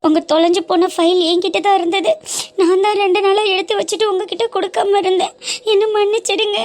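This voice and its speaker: A woman's voice: very high voice, little pitch movement, fairly quick. A woman voicing a remorseful, apologetic young woman in a family cartoon. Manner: pleading, self-blaming. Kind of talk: cartoon dub acting.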